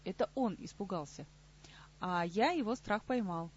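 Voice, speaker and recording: A woman's voice: mid-range voice, lively intonation, moderate pace, close to an everyday voice. Grumpy blunt young guy telepath voiced by a woman, audiobook, muffled. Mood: grumbling. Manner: grumbling, curt. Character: young male telepath agent, sullen and blunt. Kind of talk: audiobook character reading.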